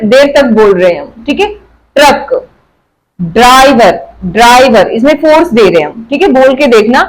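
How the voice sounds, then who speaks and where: A young woman teaching a grammar lesson to schoolchildren, patiently explaining step by step and repeating words slowly. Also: high voice, rough recording. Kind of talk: Hindi grammar lesson for children.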